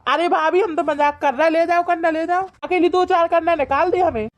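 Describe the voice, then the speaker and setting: A bold young village man in a cartoon teases his neighbours in a country dialect, voiced by a woman. The voice is pitched extremely high for a man. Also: steady tone, a little fast, dry recording. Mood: teasing. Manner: teasing, talks in village dialect. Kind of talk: cartoon voice acting.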